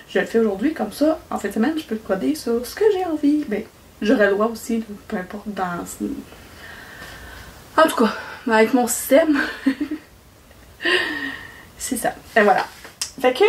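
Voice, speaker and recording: A woman's voice: a little high, gravelly, a little mellow. A woman from Quebec with a Québécois accent, chatting casually as a cross-stitch vlogger, rambling and laughing often. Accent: Québécois French. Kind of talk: casual chat. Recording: voice a bit far from mic, faint noise.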